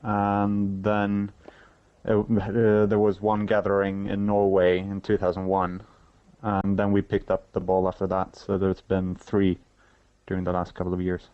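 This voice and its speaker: A Swedish man with a low, completely flat voice gives a hesitant, halting, conversational phone interview as an event organizer. The telephone line sounds muffled, with no echo.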